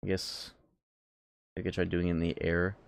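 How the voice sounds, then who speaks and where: A game livestreamer gives casual, rambling live commentary while playing, thinking aloud and swearing freely. His low voice has vocal fry and a completely flat delivery at normal speed, with game music playing behind it.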